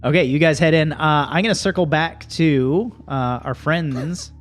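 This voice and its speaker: A man's voice: a little high, unhurried, soft background music. A man narrating a tabletop game as game master.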